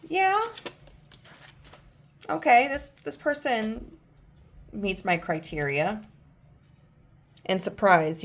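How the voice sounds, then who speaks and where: Chatty woman in her thirties reading tarot. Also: mid-range voice. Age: 30s. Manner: chatty, loose, many fillers and restarts. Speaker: tarot reader. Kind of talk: casual tarot reading to camera.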